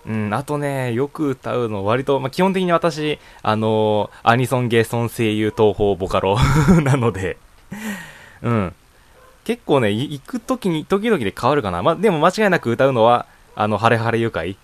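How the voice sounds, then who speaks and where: A man's voice: mid-range voice, animated, moderate pace, dry recording. A young man in his student years hosting his own net radio show, talking alone in a loose, rambling way with frequent chuckles and fillers. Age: young adult. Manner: rambling, chuckles often, many casual fillers. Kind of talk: casual solo talk answering a voice questionnaire. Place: home room.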